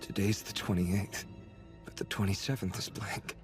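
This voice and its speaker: Man playing a deep-voiced studious young man. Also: flat delivery, normal speed, over music, close to an everyday voice. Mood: intrigued, absorbed. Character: studious young man reading a mysterious diary aloud. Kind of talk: anime dub voice-over.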